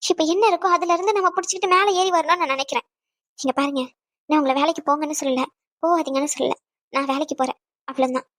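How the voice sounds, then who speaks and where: A woman's voice: high voice, quick pace, a bit bright, dry recording, clean studio sound. A woman voicing a proud, resentful young wife in a cartoon, answering in a cold, defiant way. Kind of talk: cartoon voice acting.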